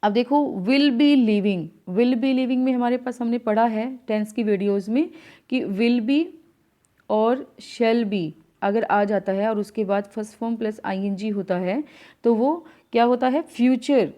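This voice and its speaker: A woman teacher, explaining answers to an English exam step by step, reading the English questions out slowly. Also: on the high side, mellow. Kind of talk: exam answer key lesson.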